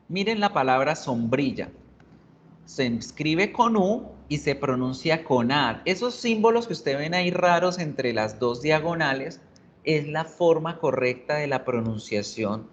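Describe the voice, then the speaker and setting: A man's voice: on the high side, lo-fi sound, a little hiss or hum. A male English teacher explaining in a video lesson, patiently repeating words to drill pronunciation.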